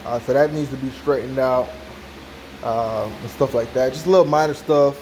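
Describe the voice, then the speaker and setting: A man's voice: medium pitch, normal speed. An American man hosting a car-build vlog in an informal, conversational way, often checking in with the listener. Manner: informal, repeats "you know what I'm saying". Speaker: car-build channel host. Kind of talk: casual vlog walkaround. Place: hot car workshop with fan running. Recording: clear fan noise behind the voice.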